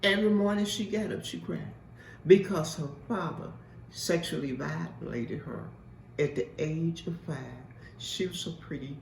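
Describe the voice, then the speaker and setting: A woman's voice: deep voice, measured pace, creaky, a little mellow, a little hiss or hum. A woman host telling an emphatic, repetitive testimony in a preacher-like way. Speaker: host and mentor. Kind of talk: spoken testimony. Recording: echoey room from a distance.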